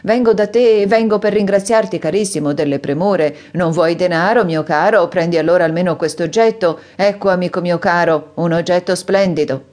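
A woman's voice: fairly low pitch, normal speed, hardly any pauses, a little mellow, close to an everyday voice. A woman voicing a flustered polite doctor. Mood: courteous. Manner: courteous, hesitant. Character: polite middle-aged male doctor, flustered.

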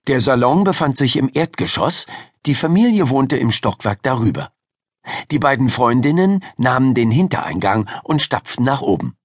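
A man narrating a children's audiobook in an expressive storytelling way. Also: medium pitch, normal speed, breathy edge, no room sound, studio quality.

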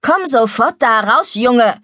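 A woman's voice: medium pitch, steady tone, normal speed, darkish tone, dry recording, close to an everyday voice. A woman voicing a young maid who scolds urgently and anxiously, in a storybook reading. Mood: scolding. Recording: dry studio recording.

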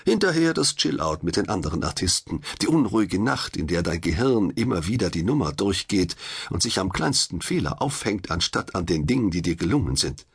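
A male audiobook narrator tells the story in a wry, confiding first person. His low voice carries a gravelly, husky grain, and his pitch swings widely as he reads. The reading is expressive and intimate. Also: brisk.

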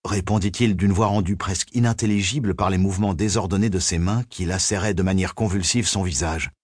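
A man narrating a thriller audiobook in a measured, suspenseful reading. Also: deep voice, fairly even intonation, breathy edge, no echo, studio quality.

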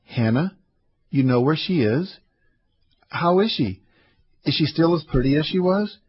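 A husky-voiced man voicing an old man who begs gently and eagerly, on a slightly muffled audiobook recording. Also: fairly high pitch, animated, measured pace, pitched above the performer's own voice. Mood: pleading. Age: older. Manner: eager, begging.

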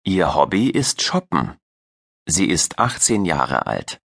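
A man with a very deep voice reads a scripted language lesson. His delivery is slow, clear and didactic with animated intonation, recorded dry in a studio. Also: dry recording. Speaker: language-course narrator and teacher. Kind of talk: scripted audio lesson narration.

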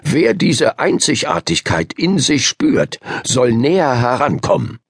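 A man voicing a kindly, mysterious older male owner of a magic pet shop in a children's audiobook, speaking gently and invitingly. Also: mid-range voice, big pitch swings, unhurried, gravelly, slightly rough, no room sound, clean studio sound, exaggerated voice. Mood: gentle. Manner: gentle, soft-spoken and inviting. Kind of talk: audiobook character voice.

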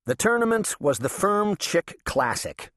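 A man's voice: high-pitched, very animated, unhurried, fairly bright tone, dry recording. A man narrating an audiobook in a wry, sardonic first-person voice. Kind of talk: scripted narration.

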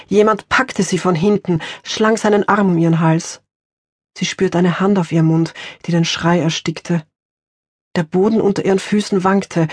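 A woman author reading her own crime novel aloud in a measured, tense audiobook narration. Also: mid-range voice, slightly rough, dry recording, clean studio sound.

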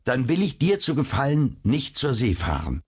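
A man's voice: medium pitch, very animated, normal speed, slightly rough, voice pushed up. A man voicing a determined, hot-blooded young man of about twenty who argues earnestly with his mother, in a read-aloud storybook. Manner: earnest, insistent.

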